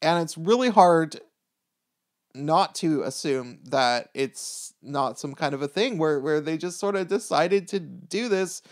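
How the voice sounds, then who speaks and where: A speaker with an androgynous voice giving a casual, opinionated rant, rambling and halting, with blunt swearing and a sardonic, exasperated manner. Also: medium pitch, expressive.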